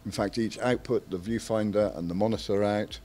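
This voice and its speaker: Brief: deep-voiced male spokesman, measured and hesitant. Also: fairly even intonation, warm tone. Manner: measured, frequent "uh" pauses between phrases. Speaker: camera maker's representative. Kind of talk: technical product interview.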